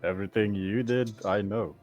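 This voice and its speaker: Low-voiced, laconic man role-playing. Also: fairly even intonation, normal speed, darkish tone. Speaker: tabletop game player. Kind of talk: casual in-character role-play. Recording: music under the voice.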